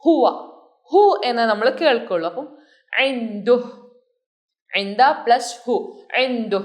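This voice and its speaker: Lively-voiced woman teaching a language lesson. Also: medium pitch. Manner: explains slowly, repeating example phrases. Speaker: Arabic teacher.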